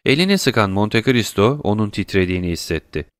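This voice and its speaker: A man narrates a classic novel in a steady, even reading voice. The recording is dry and close, with no room sound. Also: brisk, no room sound. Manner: steady, lower-voiced narrating between dialogue. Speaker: audiobook narrator. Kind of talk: scripted narration.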